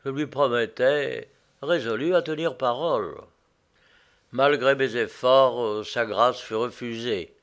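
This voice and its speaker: A man narrating a first-person story in a slow, measured reading. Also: medium pitch, a bit bright.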